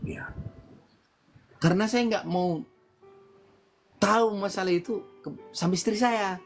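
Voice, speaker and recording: A middle-aged man from Medan with a Medan accent, telling his testimony in a casual interview, his voice jumping up when excited. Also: sits high, unhurried, creaky, faint music behind. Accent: Medan Indonesian. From Medan, Indonesia. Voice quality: animated storyteller, voice jumps up when excited. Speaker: guest giving testimony.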